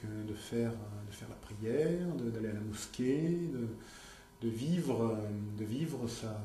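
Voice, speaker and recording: Male interviewee, slow halting delivery, echoey room with faint noise. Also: mid-range voice, dark tone. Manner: halting, repeats words. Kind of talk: interview answer.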